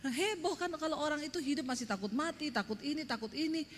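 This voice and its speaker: A woman's voice: high voice, fast talker, slight background noise. Emphatic woman preaching in a hall. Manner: emphatic, lively storytelling with acted quotes. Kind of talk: sermon. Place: church hall. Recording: long reverb of a church hall.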